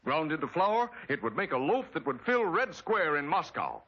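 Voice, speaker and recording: With a slightly high, husky, sing-song voice at a moderate pace, an American man narrates a dramatic, emphatic script styled after 1940s wartime propaganda films. A loud orchestral score accompanies the dull vintage 1940s film sound.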